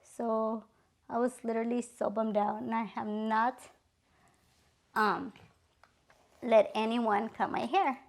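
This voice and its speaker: A woman's voice: fairly high pitch, level tone, takes it slowly, vocal fry, long pauses. A middle-aged woman vlogger telling a story casually, chatty and exasperated, full of "like" and "literally". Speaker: beauty vlogger.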